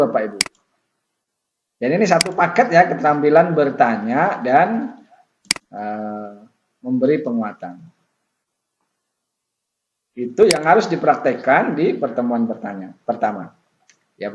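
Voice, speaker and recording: A man giving an online tutorial lecture as a university tutor, explaining casually with many fillers and repetitions. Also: mid-range voice. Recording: roomy, dull sound with faint noise.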